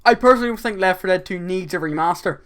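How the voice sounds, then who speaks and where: Energetic man with a sore voice. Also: high-pitched, quick pace. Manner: energetic, trips over repeated words. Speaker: podcast host. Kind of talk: casual gaming chat.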